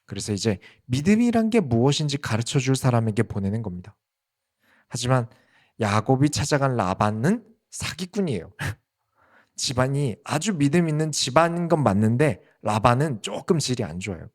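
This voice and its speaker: A male pastor giving a sermon in an animated way, asking the congregation questions. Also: medium pitch, normal speed.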